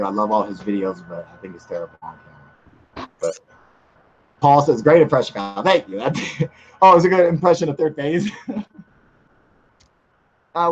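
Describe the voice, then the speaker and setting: Excitable, swearing male stream host, animated and loud, slightly dull recording with faint hiss. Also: mid-range voice. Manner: profane, excitable, laughs often. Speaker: host of a live UFO stream. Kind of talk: casual live-stream chat. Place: outdoors in humid air.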